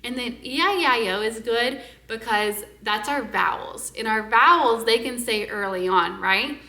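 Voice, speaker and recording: A young woman speech-language pathologist giving parenting tips in a lively way and singing nursery songs with big, exaggerated delivery. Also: fairly high pitch, normal speed. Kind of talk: parenting tips with sung demonstrations. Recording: echoey room.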